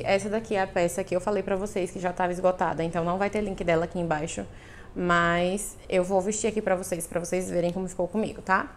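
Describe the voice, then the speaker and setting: A young woman vlogging a casual clothing try-on, chatting straight to her viewers with lots of cute diminutives, recorded on a lapel mic in her living room. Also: medium pitch. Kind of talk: casual try-on haul vlog. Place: apartment living room by a balcony window. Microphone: clip-on lapel mic.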